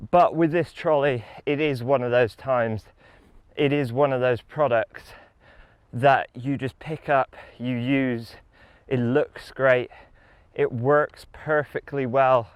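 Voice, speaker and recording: A man's voice: mid-range voice, smooth, no echo. A man giving an enthusiastic, casual product review while playing a round of golf outdoors. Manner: enthusiastic, upbeat.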